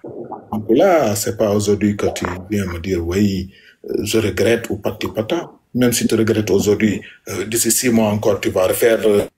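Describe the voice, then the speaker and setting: A Senegalese man addresses his wife in a heated, personal way, sounding emphatic, repetitive, and aggrieved. His voice is on the low side with a darkish tone, and he speaks at a moderate pace.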